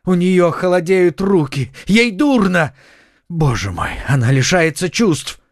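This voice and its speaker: A man's voice: a little high, big pitch swings, unhurried, no room sound, pitched above the performer's own voice. A hot-blooded young musketeer played by a man reading an audiobook cries out in a raised, strained voice. He sounds desperate and urgent. The recording is dry and close. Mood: frantic. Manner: shouting, desperate. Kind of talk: audiobook character voice.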